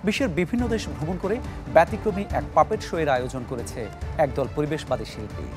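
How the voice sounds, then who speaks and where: A man's voice: fairly high pitch, big pitch swings, fast. A man with a Bangladeshi accent reading scripted broadcast news copy. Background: music.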